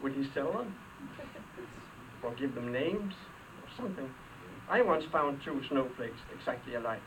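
A man's voice: medium pitch, animated, normal speed. Older Danish man, dry comic speech. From Denmark. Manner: dry, wry storytelling with comic asides. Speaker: after-dinner speaker. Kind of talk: humorous luncheon speech. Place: hall with a live audience. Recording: distant mic, clear background noise.

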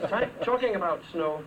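Older Danish-accented man, after-dinner humorist, wry and dry, a bit high, heard from a distance with noise. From Denmark. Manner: dry, wry storytelling with comic asides. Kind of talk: humorous luncheon speech. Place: hall with a live audience. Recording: distant mic, clear background noise.

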